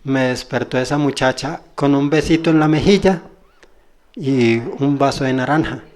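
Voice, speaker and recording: A man's voice: medium pitch, normal speed, a little mellow. A man telling a personal spiritual story in a rambling, folksy way, correcting himself as he goes. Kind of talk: spoken personal testimony.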